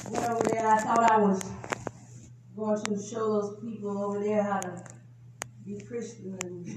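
A woman preaching a testimony sermon, moving from low storytelling to loud, emotional preaching. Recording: echoey room from far off, background noise.

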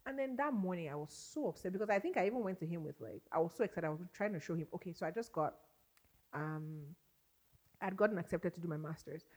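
A woman's voice: on the low side, expressive, fast talker, darkish tone. A woman, a podcast guest telling stories in casual chat and laughing often.

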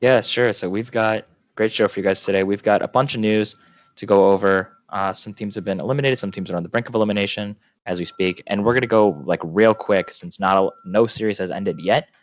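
Low-voiced man running a podcast rundown. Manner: easygoing, quick agreeing interjections. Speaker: podcast co-host. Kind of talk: casual chat and show rundown.

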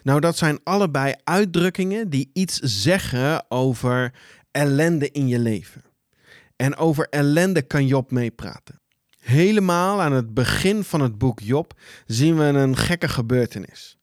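A man giving a devotional Bible retelling as a preacher, speaking in a slow, dramatic storytelling style with long pauses. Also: mid-range voice, animated, dry recording, clean studio sound.

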